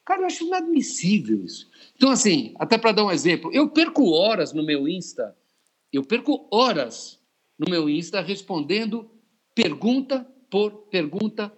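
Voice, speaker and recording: Older Brazilian man, interview guest, high voice, earnest storyteller. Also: sing-song, moderate pace, breathy edge. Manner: earnest storytelling, frequent restarts. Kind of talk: casual interview talk.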